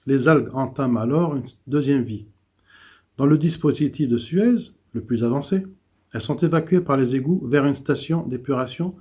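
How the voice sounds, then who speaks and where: A man's voice: medium pitch, dark tone, husky. A man reading economic and environmental news commentary, with small stumbles and restarts.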